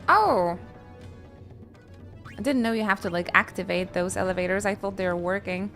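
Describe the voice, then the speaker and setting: With a medium-pitched, slightly bright voice at normal speed, a woman live-streams a game, chatting casually and reacting with playful exclamations. Game music runs underneath.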